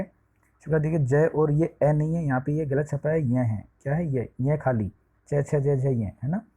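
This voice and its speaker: A man's voice: mid-range voice, mellow, husky. A man teaching a Sanskrit lesson to eighth-grade students, explaining step by step, spelling out letters one at a time and often checking in with the class. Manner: often checks with "ठीक है" and "देखिए".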